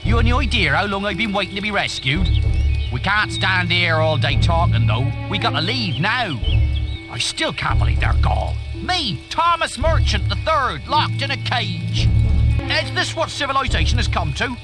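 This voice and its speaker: A man's voice: high voice, very animated, normal speed, over music. A man playing a pompous, peevish merchant who complains indignantly in a fantasy video game.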